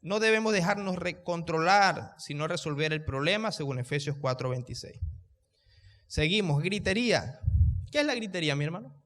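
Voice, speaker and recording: A man's voice: a little high, animated, moderate pace, fairly bright tone, big-room sound. A male pastor, preaching a sermon, raising his voice so the room can hear him and putting questions to the congregation. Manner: raises his voice to reach the room. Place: church.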